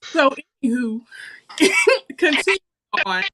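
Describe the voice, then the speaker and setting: A woman's voice: high voice, expressive, slow pace, bright, forceful tone, a little hiss or hum. A woman co-hosting a casual podcast, asking questions and pushing back on her partner's views. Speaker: podcast co-host. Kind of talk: casual debate chat.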